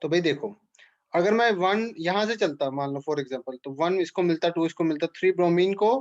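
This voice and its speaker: A man's voice: high voice, normal speed, dull audio. Man explaining chemistry step by step. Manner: explains step by step, asks students questions. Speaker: chemistry teacher. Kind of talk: classroom lecture.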